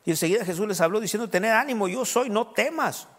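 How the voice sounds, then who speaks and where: High-voiced preacher in a reverberant hall. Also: male voice, expressive, fast talker, fairly bright tone. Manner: conversational preaching, asks listeners rhetorical questions. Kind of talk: sermon.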